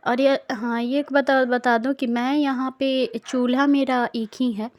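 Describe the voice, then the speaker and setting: A young woman from India narrating a casual home vlog, speaking slowly and deliberately with frequent pauses. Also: sits high, flat delivery, darkish tone. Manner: slow, deliberate, pausing often. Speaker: vlogger. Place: home, indoors.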